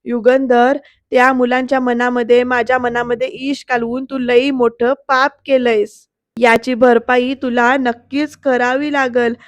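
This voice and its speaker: Brief: woman voicing a scheming middle-aged uncle, loud and bitter, flat high delivery. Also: unhurried, dry recording, close to an everyday voice. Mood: bitter threat. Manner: shouting, threatening.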